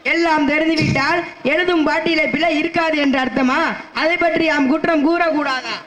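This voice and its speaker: A man's voice: extremely high pitch, steady tone, crowd noise. A man playing a stern old male head poet who judges verses in a formal, declaiming way on stage. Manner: formal, warning, measured declamation. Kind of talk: Tamil stage-play acting.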